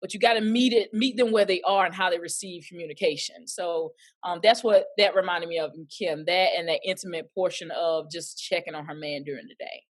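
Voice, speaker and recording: A woman's voice: lowish voice, fairly quick. A woman, an actress chatting as an interview guest and acting out quoted voices as she tells stories. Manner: lively storyteller who acts out quoted voices. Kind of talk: casual interview chat.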